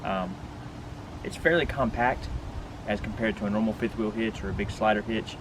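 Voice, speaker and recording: A man with a fairly low voice talks casually to camera as an RV vlogger. He is informal and plain-spoken, walking viewers through gear step by step. The recording is made outdoors, with clear wind and vehicle noise behind him. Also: moderate pace. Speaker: RV vlogger giving a product walkthrough. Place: outdoors beside a pickup truck bed.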